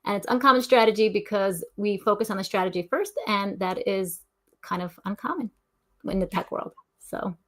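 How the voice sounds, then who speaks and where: A woman's voice: mid-range voice, moderate pace. A woman guest in a casual interview, speaking in a friendly, practical way. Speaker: guest, tech consultant.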